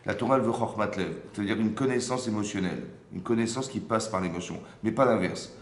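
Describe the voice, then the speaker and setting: This is a fast-talking man with a fairly low pitch giving an interactive religious lesson to a small group. He keeps asking questions and checking in with listeners, often repeating words while he finds his phrasing, and the recording has a roomy feel with faint ambient sound.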